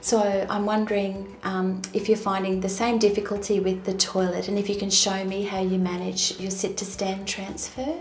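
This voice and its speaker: Calm professional woman therapist. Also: medium pitch, normal speed, few pauses, recorded from a distance, faint music behind. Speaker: occupational therapist. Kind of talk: scripted training narration and gentle client questioning. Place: small tiled bathroom in a home.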